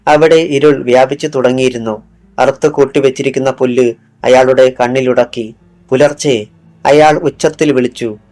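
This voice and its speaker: A man's voice: mid-range voice, a little mellow. A man reading a thriller audiobook in scripted narration, dropping his voice for quoted lines. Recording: faint music underneath.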